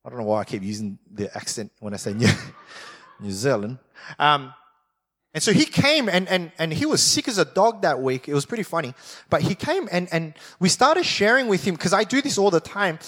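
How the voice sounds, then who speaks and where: A pastor giving a conversational sermon, telling a story with frequent rhetorical questions and "right?" check-ins. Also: male voice, high-pitched, very animated, moderate pace, fairly bright tone. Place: church.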